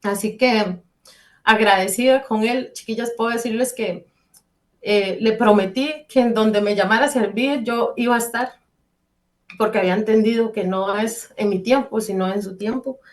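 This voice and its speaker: Earnest woman giving a faith testimony. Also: a little high. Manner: earnest and fervent, addressing listeners directly; storytelling with quoted dialogue. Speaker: church group member giving testimony. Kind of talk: personal faith testimony on radio.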